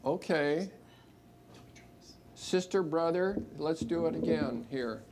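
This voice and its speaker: Church leader doing announcements n prayers, slow and plain spoken, bit of background noise. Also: mid-range voice, darkish tone. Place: church service room.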